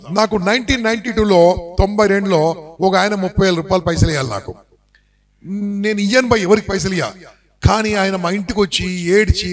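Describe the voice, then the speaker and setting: Middle-aged motivational speaker, a man, high voice, animated storytelling that keeps asking the crowd questions. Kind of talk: motivational speech to a live audience.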